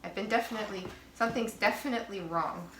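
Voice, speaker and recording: A woman's voice: mid-range voice, fast, fairly bright tone, echoey room, slight background noise. A woman chatting casually on a vlog while she bakes at home, exasperated and self-mocking, swearing now and then. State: out of breath. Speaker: vlogger. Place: home kitchen.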